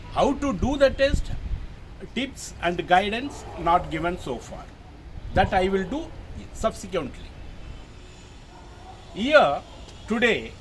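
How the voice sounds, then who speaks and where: This high-pitched male voice belongs to an older retired officer from Tamil Nadu, India, whose native language is Tamil and who speaks English with a Tamil Indian accent. Talking informally to camera, he offers emphatic guidance and tends to repeat his phrases. The low-quality clip was recorded on a mobile phone camera and has background noise.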